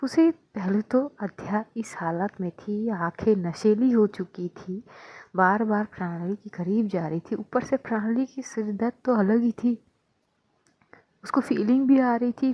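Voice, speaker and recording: A woman narrating a love story casually in a breathy, half-whispered voice. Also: medium pitch, a little slow, no echo. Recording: dull lo-fi dry recording.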